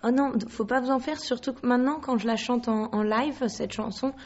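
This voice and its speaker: Young woman from paris, singer guest, halting speech, many pauses, slightly dull recording. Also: a little high, fairly even intonation, a little mellow. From Paris, France. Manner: hesitant, searching for words. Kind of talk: radio interview.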